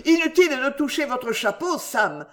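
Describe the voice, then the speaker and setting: A woman voicing a timid young gentleman panicking on ice skates, pleading and stammering. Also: mid-range voice, big pitch swings, normal speed, close to an everyday voice.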